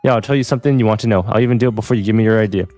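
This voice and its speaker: A man's voice: fairly low pitch, rapid-fire, a little mellow, faint music behind, close to an everyday voice. A man voicing a flustered young male student protagonist in a game, exasperated and incredulous.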